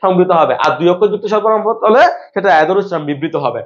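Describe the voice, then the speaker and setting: A man's voice: high voice, expressive, rapid-fire, highs cut off. A man teaching a live exam-prep class, who repeats each rule and asks questions that he answers himself. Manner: repeats rules for drilling.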